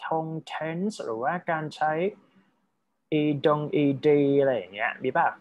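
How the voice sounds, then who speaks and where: A man tutoring a student over a video call, giving gentle, encouraging feedback and dropping English terms into his talk. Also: on the high side, animated, unhurried, muffled recording. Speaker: IELTS speaking tutor. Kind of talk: casual online tutoring feedback.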